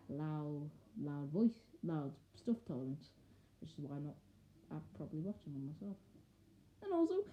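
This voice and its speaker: The audio is dull, and the young woman's voice is medium in pitch and dark in tone. Filming fireworks at home on a handheld camera, she offers casual vlog commentary, rambling, joking, self-deprecating, and mildly swearing.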